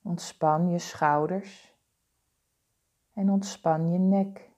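A woman guiding a body-scan meditation with slow, soothing, calm instructions. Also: fairly low pitch. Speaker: meditation guide.

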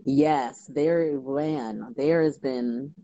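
A young woman, a bartender, telling stories in a casual, animated chat full of fillers. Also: a bass voice, very slow, highs cut off. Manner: animated storytelling with many fillers. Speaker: guest bartender.

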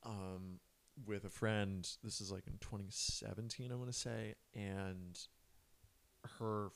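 A young man co-hosting a podcast, chatting casually and telling stories with hushed impressions of people. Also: fairly low pitch, steady tone, takes it slowly, gravelly. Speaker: podcast co-host. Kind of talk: casual chat.

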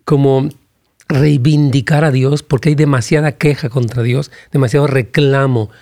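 Mellow-voiced pastor host. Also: male voice, medium pitch, fairly even intonation, normal speed, no room sound, studio quality. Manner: supportive interjections, preachy asides. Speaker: pastor hosting the interview.

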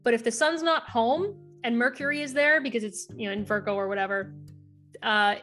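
Chatty astrology lady on a podcast, kinda high pitched, acts out little voices. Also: brisk, a bit bright, soft background music. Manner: explains with playful acted-out voices, swears casually. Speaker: astrologer guest. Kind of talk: casual podcast chat.

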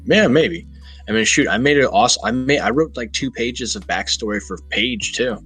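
Guy hosting a podcast, husky voice, kinda pushy and joking around. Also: mid-range voice, normal speed, fairly bright tone, faint music behind. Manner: joking, rambling banter. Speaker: podcast host. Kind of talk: casual podcast chat.

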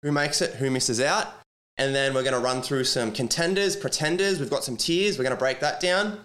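A man's voice: mid-range voice, a little fast, a bit bright. Blokey Aussie man hosting, tradie-style matey chat. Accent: Australian. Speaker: sports podcast host. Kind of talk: casual sports chat.

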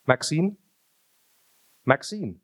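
A man's voice: medium pitch, sing-song, normal speed, husky, voice pushed up. A man voicing a restless teenage girl in an audiobook, eager and impatient. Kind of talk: audiobook character voice.

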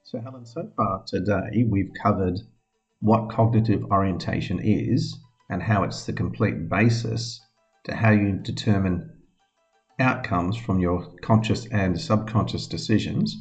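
Male podcast host, deep, orderly summarizing delivery, lo-fi sound with faint music underneath. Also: a little slow. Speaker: podcast host wrapping up the discussion. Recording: dull lo-fi sound with music behind.

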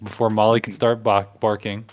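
A man's voice: on the low side, flat delivery, fairly quick. A young man co-hosting a podcast, chatting in a crude, joking, laid-back way. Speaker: podcast co-host. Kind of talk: casual chat.

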